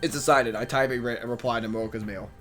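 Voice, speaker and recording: A mid-pitched man reads a visual novel aloud for his channel, often tripping over words and backing up to try again. He mutters little complaints between lines in a casual, unpolished way. Soft game music plays faintly underneath. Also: steady tone, fast talker. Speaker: let's play host reading a visual novel aloud. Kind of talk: reading game text aloud with casual asides.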